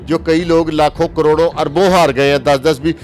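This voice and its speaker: A man's voice: on the high side, fairly even intonation, darkish tone. Opinionated Pakistani man in his fifties. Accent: Pakistani Urdu. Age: 50s. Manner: emphatic, opinionated, slows down to stress points. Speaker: journalist guest. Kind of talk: interview talk.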